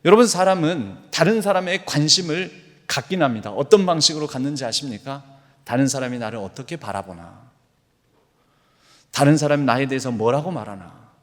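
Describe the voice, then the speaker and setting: A man's voice: mid-range voice, animated, moderate pace. A man preaching a Sunday sermon as pastor, telling stories and voicing the people in them, rising to emphatic exclamations. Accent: Korean. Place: church sanctuary. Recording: long hall reverb from a church sanctuary.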